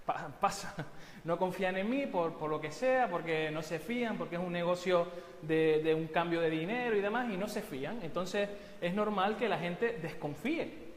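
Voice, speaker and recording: A male pastor preaching a sermon and telling a story with quick joking asides. His voice sits fairly high. A church hall's long reverb trails after him. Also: a little hiss or hum. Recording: echoey church hall.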